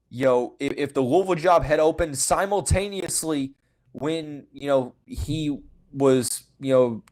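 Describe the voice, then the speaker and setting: A man's voice: fairly high pitch, low-quality recording. Opinionated male sports podcaster. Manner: heavy use of "you know" fillers and restarts; frank, opinionated, says he calls it as he sees it. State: has the hiccups. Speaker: podcast host. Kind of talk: casual sports talk monologue.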